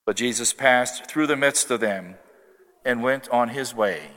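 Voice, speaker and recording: A man's voice: medium pitch, measured pace, fairly bright tone. A man, a clergyman, giving a formal liturgical Gospel reading in a large church with cathedral echo.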